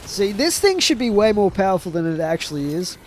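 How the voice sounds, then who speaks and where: Narrating a zombie shooter, this young gaming commentator sounds congested from a chest infection. He talks a little fast in a high, sing-song voice, staying chatty and rambling while trailing off into fillers, with slight hiss or hum in the audio.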